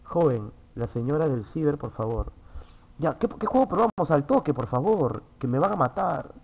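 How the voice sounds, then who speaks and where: A man with a gravelly, slightly rough voice and a Peruvian Spanish accent chats casually with viewers while streaming from an internet café booth. Speaking at normal speed, he's excitable and swears a lot, swinging from loud outbursts to low muttering.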